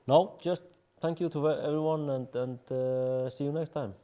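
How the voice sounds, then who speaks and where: A man's voice: fairly high pitch, fairly even intonation, moderate pace, warm tone. A man co-hosting a casual live-stream chat, giving brief laid-back replies. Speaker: co-host.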